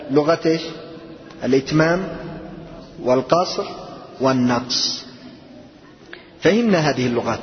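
A man teaching an Arabic grammar class, quizzing his students and stretching out key words as he explains. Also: fairly high pitch. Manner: questioning students, drawn-out stressed words. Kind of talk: classroom lesson. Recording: echoey hall, dull lo-fi sound.

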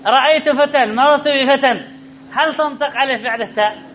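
A man with a strikingly high voice leads a classroom grammar lesson, firing questions at his students and then repeating the answers several times. The recording is dull and lo-fi, with a faint hum of background noise. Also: a little fast. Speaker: Arabic grammar teacher.

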